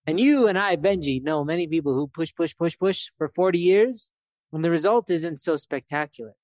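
A man's voice: a little high, animated, moderate pace, a little mellow, dry recording, studio quality. Rambling, reflective man in his thirties. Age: 30s. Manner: reflective, loose and rambling with many fillers. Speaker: podcast co-host. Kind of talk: casual chat.

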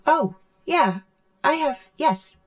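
A woman voicing a childlike female android in a tabletop game, answering in slow, halting bursts, often stuck repeating yes and no. Her voice sits at an ordinary pitch, recorded dry and close. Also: expressive, no echo. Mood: plain.

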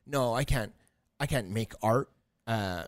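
A man's voice: mid-range voice, slow pace. A man in his thirties chats casually on a podcast, rambling through his points with lots of filler words. His mid-range voice sounds dry and close, with no room echo. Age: 30s. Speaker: podcast co-host. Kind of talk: casual chat.

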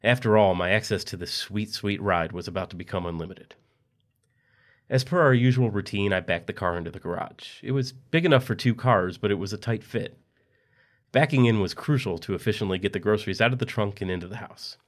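A man reading a dark story aloud in a steady, matter-of-fact narration. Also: on the low side, fairly quick.

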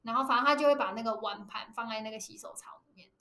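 A woman with a Taiwanese Mandarin accent, co-hosting a podcast in casual chat, telling animated stories and laughing often. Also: a little high, fast, gravelly, reverberant. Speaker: podcast co-host.

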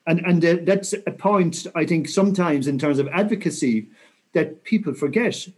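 A man in his sixties with a west of Ireland accent, talking reflectively and earnestly in an interview with measured, rhetorical phrasing. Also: fairly high pitch, a little mellow. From County Mayo, Ireland. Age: 60s. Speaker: interview guest, senior military officer.

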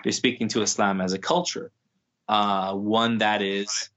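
A man's voice: lowish voice, fairly even intonation, measured pace, fairly bright tone. A man speaking thoughtfully in a podcast conversation, with many restarts and fillers. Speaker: guest speaking on Islam. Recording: dull lo-fi sound.

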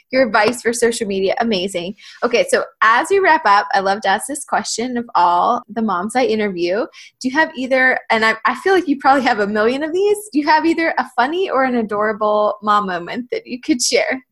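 A woman's voice: a little high, a bit bright. A woman hosting a podcast interview, enthusiastic and full of praise. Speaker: podcast host.

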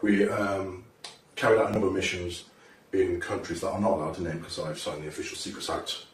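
A man speaking through a voice-disguising effect that pitches him deeper, talking in a halting, hesitant way. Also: little pitch movement. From Britain. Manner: halting, hesitant delivery with frequent pauses and fillers. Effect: voice disguised deeper by a pitch-shifting effect. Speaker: self-proclaimed time traveller in an online video. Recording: roomy, distant recording with faint background noise.

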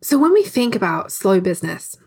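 A woman's voice: mid-range voice, big pitch swings, a little fast, darkish tone, breathy edge. A woman hosting a solo podcast, talking candidly and conversationally, swearing casually now and then. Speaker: podcast host. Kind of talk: reflective solo podcast talk.

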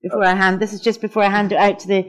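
A woman's voice: mid-range voice, little pitch movement, rapid-fire. Scottish woman hosting a live panel. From Scotland. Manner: thoughtful, laughs often, restarts words. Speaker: panel host at a literature festival. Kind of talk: live onstage conversation. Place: festival event before an audience.

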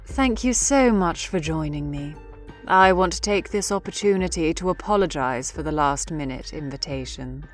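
A man's voice: on the high side, expressive, moderate pace, faint music behind, close to an everyday voice. A man reading a story, voicing a gracious and scheming female empress with regal, polished speech. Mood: addressing guests.

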